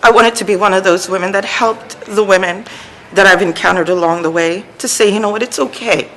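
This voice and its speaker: A woman's voice: medium pitch, fairly quick, a bit bright, a little hiss or hum, low-quality recording. A woman from New City, a returning adult student speaking candidly and with emphasis. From New York City. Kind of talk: interview testimonial.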